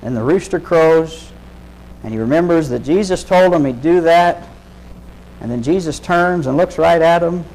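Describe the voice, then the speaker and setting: A man's voice: fairly high pitch, moderate pace, a little mellow, low-quality recording. A man preaching a sermon, retelling a story in casual, vivid terms and putting direct questions to his listeners.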